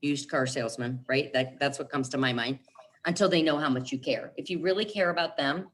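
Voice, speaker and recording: Middle-aged female sales trainer, low register, punchy and upbeat, drills slogans to her team. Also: fairly quick. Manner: emphatic, upbeat coaching with repeated catchphrases. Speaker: real estate team leader and trainer.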